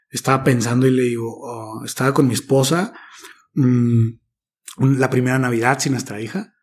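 Man in his thirties, husky voice, reflective storytelling. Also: mid-range voice. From Mexico. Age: 30s. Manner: reflective, slang-sprinkled storytelling. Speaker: guest. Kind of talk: personal testimony in conversation.

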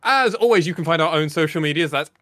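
A podcast co-host, a man with a somewhat high voice, runs briskly through his plugs. His microphone peaks throughout, so every word comes out with fuzzy, clipping distortion. The sound is dry and close, with no room around it. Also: expressive, fairly bright tone, no echo. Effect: clipping, fuzzy distorted mic. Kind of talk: casual podcast chat, reading out plugs. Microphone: peaking online call microphone.

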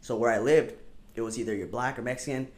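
A man's voice: mid-range voice, fast talker, a little mellow. Chill young guy from long beach, talks loose, lots of dude and swearing, medium voice. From Long Beach, California. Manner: laid-back, swears often, says dude a lot. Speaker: podcast guest. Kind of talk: casual chat.

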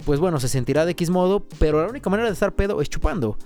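A man's voice: a little high, animated, racing, a little mellow, soft background music. A young man with a Mexican accent in a casual chat, mixing English phrases into crude, slangy Spanish full of swearing. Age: young adult.

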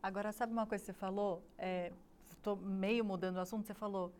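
Uma mulher apresentando uma conversa casual, refletindo em voz alta e fazendo perguntas às convidadas. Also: female voice, mid-range voice, fairly even intonation, fast, darkish tone. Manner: reflective, asks probing questions. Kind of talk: casual chat.

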